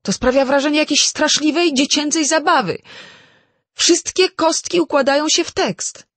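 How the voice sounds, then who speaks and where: A man's voice: very high voice, normal speed, fairly bright tone, dry recording, pitched above the performer's own voice. A man reading an audiobook, voicing a frightened young woman in a strained, rising voice. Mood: frantic. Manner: strained, rising to near panic.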